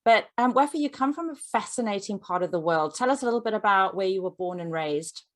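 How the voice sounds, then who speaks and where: A woman's voice: medium pitch, expressive, fast. A woman hosting an interview, friendly, asking questions with frequent fillers.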